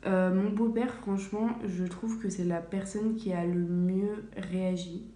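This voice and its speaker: Chatting in her small home bathroom, a young woman vlogs casually, her story full of fillers and self-corrections. She speaks at a measured pace with a steady, warm, medium-pitched voice. There's echo, faint room ambience, and slight background noise.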